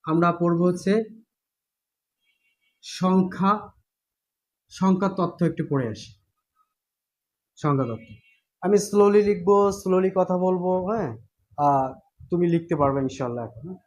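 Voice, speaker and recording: A man's voice: high voice, normal speed, long pauses, darkish tone. A man teaching an online exam-prep class in a casual lecturing style, repeating points and often checking that students follow.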